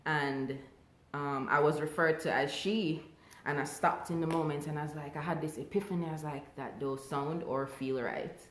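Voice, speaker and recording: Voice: medium pitch, normal speed, slight background noise. A Jamaican singer talking candidly and casually as an interview guest. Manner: relaxed, candid, lively. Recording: echoey room.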